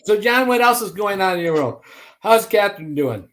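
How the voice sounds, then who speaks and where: A higher-voiced man hosting a casual chat. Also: lively intonation, normal speed, a bit bright. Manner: rambling storyteller with many restarts. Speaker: host.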